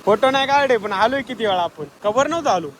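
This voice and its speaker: A man's voice: very high-pitched, expressive, fast, noisy background. A man talking casually to viewers as he vlogs outdoors, in a chatty way, recorded on a handheld phone. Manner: chatty, addresses viewers directly. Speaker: vlogger. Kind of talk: casual vlog narration. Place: outdoors, farm and village.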